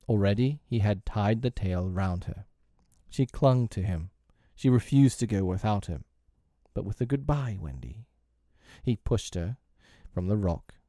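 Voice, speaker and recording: A man narrating a storybook in a gentle, measured reading. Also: on the low side, no room sound, clean studio sound.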